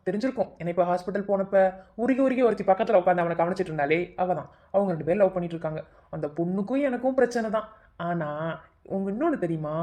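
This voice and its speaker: A woman's voice: on the low side, natural voice. A woman voicing a scheming, cruel young man in a cartoon love story, talking in a sneering, taunting way. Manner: sneering, taunting, fast talk. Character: scheming young male villain, cruel and mocking.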